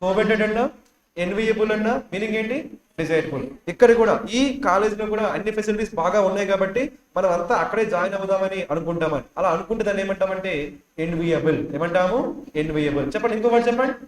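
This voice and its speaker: Man, teacher, fast vocabulary drills, quizzing students, echoey classroom. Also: high-pitched. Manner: drills words with constant questions to students.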